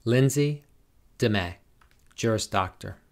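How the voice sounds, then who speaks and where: Slow, measured man reading names. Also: on the low side, a little mellow. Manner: slow, measured, deliberate announcing. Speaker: commencement name reader. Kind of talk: formal reading of graduate names.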